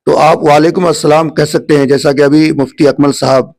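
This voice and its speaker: A man's voice: on the high side, steady tone, a little mellow. A man from India hosts a religious video, speaking directly to viewers and summarizing a question of Islamic etiquette. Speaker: host of an Islamic channel.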